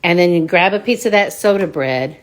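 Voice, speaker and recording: A woman's voice: fairly low pitch, moderate pace. A woman co-hosting a home cooking show from behind the camera, cheering the dishes on with admiring remarks. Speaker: cooking show co-host, films the show. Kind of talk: casual cooking chat.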